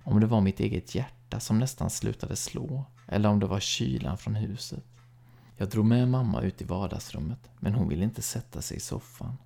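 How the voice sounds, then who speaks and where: Male horror-story reader, low and gravelly, measured, with a husky edge. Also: warm tone. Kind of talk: scripted horror short-story reading.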